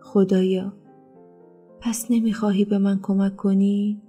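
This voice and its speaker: A woman's voice: medium pitch, little pitch movement, warm tone, slightly rough, soft background music, lightly acted. A woman reading as a sick, frightened enslaved woman. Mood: pleading. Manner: weak, pleading. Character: sick, exhausted enslaved woman, fearful and pleading.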